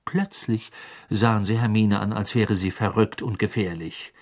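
A man narrating an audiobook in calm, even storytelling. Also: fairly low pitch, normal speed.

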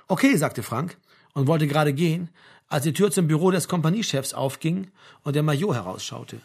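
A man reading an audiobook in a dry, even storytelling manner. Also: fairly high pitch, normal speed, vocal fry, slightly rough. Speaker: audiobook narrator. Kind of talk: audiobook narration.

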